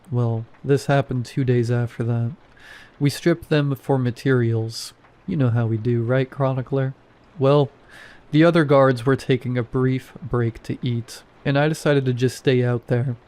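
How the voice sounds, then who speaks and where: A man's voice: medium pitch, darkish tone, natural voice. A man voicing a weary wall guard who tells his own account in a plain, casual way with offhand asides. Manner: plain first-person retelling, casual asides.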